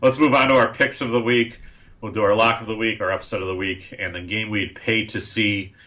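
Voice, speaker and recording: A man with a lowish but bright, forceful voice hosts a casual sports podcast. He talks bluntly and gives strong opinions. He moves the show along from one segment to the next. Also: level tone, fairly quick. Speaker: podcast host.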